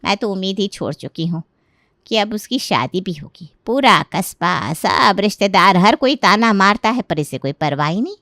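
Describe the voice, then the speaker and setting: A woman voicing an anxious middle-aged mother who nags and shouts at her daughter in a cartoon story. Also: medium pitch, lively intonation, normal speed, no echo, clean studio sound. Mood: weary. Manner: loud, shouting, nagging. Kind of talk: cartoon voice acting.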